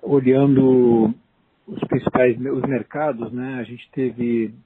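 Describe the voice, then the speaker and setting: A man with a Brazilian accent giving an unscripted business presentation as an investment officer, halting and explanatory. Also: mid-range voice. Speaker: investment fund chief investment officer. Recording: noisy narrow phone line.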